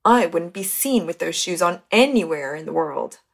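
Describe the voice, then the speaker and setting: A woman's voice: fairly low pitch, lively intonation, moderate pace, vocal fry, slightly rough, full character voice. A woman voicing an elegant, haughty aristocratic duchess who refuses firmly and sounds indignant.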